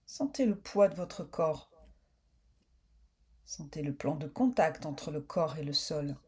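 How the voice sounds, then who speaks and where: This yoga nidra teacher, a woman with a deep voice and a breathy edge, walks her listeners through a relaxation. Her pacing is unhurried, and her slow directions come across as calm and soothing.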